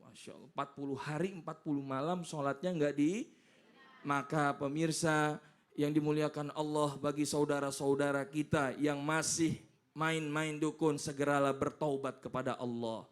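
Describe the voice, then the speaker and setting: A man's voice: on the high side, little pitch movement, moderate pace. A man preaching in a humorous televised sermon, playful and joking, acting out little voices. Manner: playful, acts out voices and jokes.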